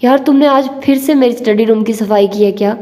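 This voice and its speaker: A woman's voice: fairly high pitch, fairly quick, warm tone, natural voice. A woman voicing an impatient, teasing young husband with a brusque, playfully sarcastic manner. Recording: long reverb.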